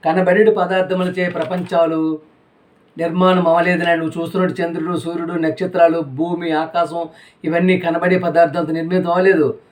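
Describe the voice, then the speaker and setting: High-voiced preacher, repeating himself. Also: male voice, little pitch movement, a little fast. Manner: rhetorical questions, repeats phrases. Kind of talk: sermon.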